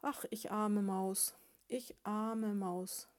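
A woman's voice: medium pitch, moderate pace, dark tone, close to an everyday voice. A woman voicing a poor, hungry little female mouse who pleads and wails her laments. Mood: slow wailing. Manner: wailing, pleading, sobbing lament. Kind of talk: audiobook character voice.

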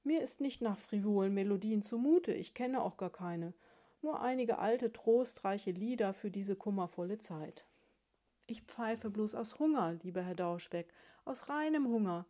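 A woman's voice: medium pitch, animated, measured pace, mellow, lightly acted. A woman voicing a poor, hungry little female mouse who pleads and wails her laments. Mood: pleading. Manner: wailing, pleading, sobbing lament. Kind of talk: audiobook character voice.

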